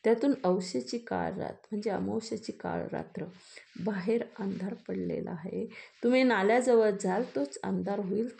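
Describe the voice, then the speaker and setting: A woman's voice: medium pitch, normal speed, gravelly, mellow. A woman reading a storybook and voicing a worried old village woman who urgently warns a man not to travel at night. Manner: urgent warning.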